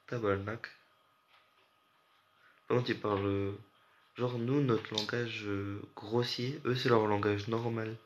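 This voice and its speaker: A man's voice: lowish voice, little pitch movement, unhurried. Sleepless young man rambling to chat. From France. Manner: rambling, slangy, talks straight to chat. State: sleep-deprived. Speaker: gaming streamer chatting with viewers. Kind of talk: casual late-night stream chat. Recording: muffled lo-fi audio with faint hiss.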